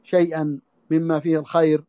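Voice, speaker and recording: A man's voice: fairly high pitch, completely flat delivery, brisk, warm tone, no room sound, lo-fi sound. A man teaching a religious text in a lesson, often repeating phrases for emphasis. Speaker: Islamic scholar teaching a text. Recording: audio lesson over the internet.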